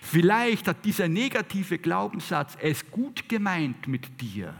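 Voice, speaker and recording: Slow, deliberate male preacher. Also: high-pitched, big pitch swings, creaky, big-room sound. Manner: emphatic, repeats phrases, asks rhetorical questions. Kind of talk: sermon.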